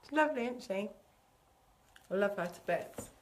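A woman working as a psychic medium, giving a chatty, excitable spirit reading on a live stream and calling her viewers sweetie. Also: mid-range voice, moderate pace.

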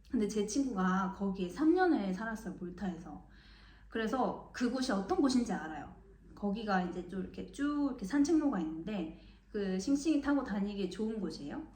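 A young woman from Mokpo chats through a personal story in a casual vlog, with a mid-pitched voice. She tells it animatedly and slips into the voices of the people she quotes. The recording has a roomy echo. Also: darkish tone. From Mokpo, South Korea. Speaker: vlogger. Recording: echoey room.

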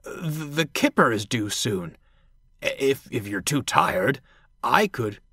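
A man voicing a timid, friendly male diesel engine who speaks gently and stammers. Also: fairly high pitch, huge pitch swings, unhurried, vocal fry, slightly rough, no echo, clean studio sound, voice pushed up, exaggerated voice. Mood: gentle.

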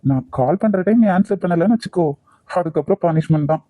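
A man's voice: high-pitched, animated, fast talker, no echo, phone-quality sound. A man voicing a cocky male college senior with a Kanyakumari Tamil accent, teasing and domineering. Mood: smug.

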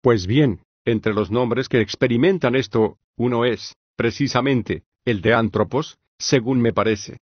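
A probing, ironic ancient philosopher, read by a man in a level, unhurried audiobook voice. The delivery stays flat and even across his arguments. The audio is dry and slightly dull. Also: medium pitch, breathy edge, no echo. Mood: explaining.

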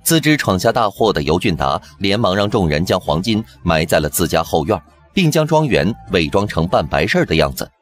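A man narrating a TV drama recap in brisk scripted storytelling. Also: low-pitched, big pitch swings. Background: background music.

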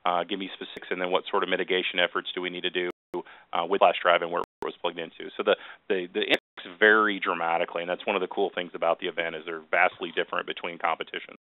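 A man directing a competition, giving brisk, matter-of-fact examples on a webinar panel. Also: deep voice, little pitch movement, no room sound. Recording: phone-line audio.

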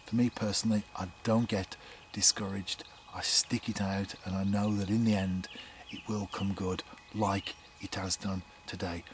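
Male angler vlogger, 40s, upbeat and hushed by turns, close camera mic outside, faint background noise. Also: low-pitched, flat delivery, normal speed, few pauses. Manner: upbeat, chatty, often hushed to a near whisper. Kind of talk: casual outdoor vlog commentary. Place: canal bank outdoors at night and dawn. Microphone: camera mic at close range.

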